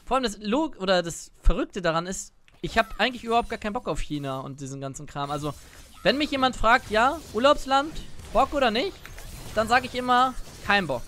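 A little hiss or hum runs under this brisk, animated, high-pitched voice, which sounds pushed and bright. The speaker, an Italian-born man in his twenties, streams games and rambles casually to viewers about his play. He sits at an indoor gaming setup with a headset on, close to a desk mic.

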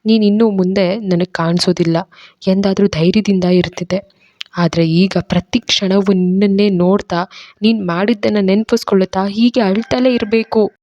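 A woman's voice: fairly even intonation, unhurried, a little mellow, no echo, dull audio. A woman voicing a hurt and angry young heroine in a dramatized romance story reading, accusing and pained. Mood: anguished. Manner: accusing, pained, raised pitch. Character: young woman, wounded and furious.

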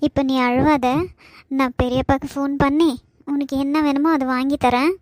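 A woman voicing a kind older sister in a cartoon, gentle and reassuring. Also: high-pitched, fairly even intonation, moderate pace, dry recording, close to an everyday voice.

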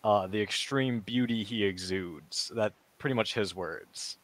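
A man narrating as game master in a tabletop game, relaxed and rambling. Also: lowish voice, measured pace, no room sound.

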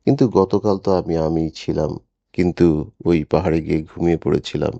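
A man's voice: a bass voice, steady tone, normal speed, vocal fry, dark tone, no echo, muffled recording, exaggerated voice. A man voicing a confused old man, muttering in bewilderment in an audiobook. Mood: bewildered. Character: confused old man who lost twenty years.

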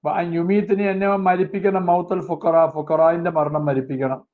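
Man teaching over a tinny line. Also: sits high. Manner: reads Arabic phrases slowly, then explains them quickly. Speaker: Islamic religious teacher. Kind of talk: religious text class. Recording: tinny phone-like lo-fi sound.

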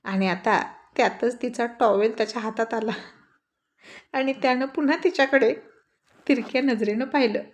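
A woman storyteller reading a story aloud in a steady, plain manner. Her voice sits a little high for a woman. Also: moderate pace, long pauses. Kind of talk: story narration.

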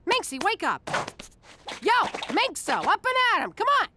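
A woman's voice: extremely high pitch, wildly swooping pitch, normal speed, very noisy, heavily acted. A woman voicing a brash, exasperated, nagging mother in an adult cartoon. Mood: frantic, bossy.

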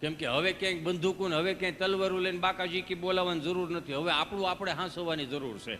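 A high, bright man's voice tells folksy jokes on a live stage and acts out the back-and-forth of his stories. The sound rings out in a reverberant hall, with faint music underneath. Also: fairly even intonation, quick pace. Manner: folksy storytelling, asks the audience questions, acts out dialogues. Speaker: stand-up comedian. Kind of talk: live Gujarati folk comedy (dayro). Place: live stage show before an audience.

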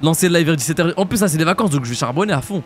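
A young man talks on a live stream in casual slang. His voice sits high and swings widely, jumping into excited shouts. Faint game sounds run behind him. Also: slight background noise. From France. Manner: casual slangy banter, quick jumps to high-pitched shouts. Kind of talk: live-stream roleplay chat.

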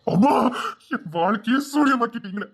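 A woman's voice: mid-range voice, fairly quick, darkish tone, close to an everyday voice. Woman acting as a remorseful young husband, tearful, pleading, apologizing again and again, audio drama. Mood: anguished.

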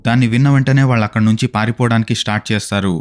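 A man reading scripted narration for a ghost video compilation, in brisk, steady storytelling that now and then asks the viewers questions. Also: medium pitch.

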